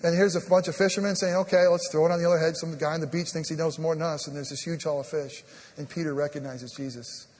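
A fast-talking man with a voice on the high side preaches as pastor in a church sanctuary, where a long reverb trails his words. His delivery is animated, lurching between forceful emphasis and a soft hush as he plays out the scripture's dialogue, saying "I mean" a lot.

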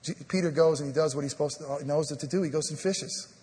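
A man preaching a sermon as pastor, animated, swinging between loud emphasis and a soft hush and acting out the scripture dialogue, with many "I mean" fillers. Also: on the high side, fast, in a large hall. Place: church sanctuary.

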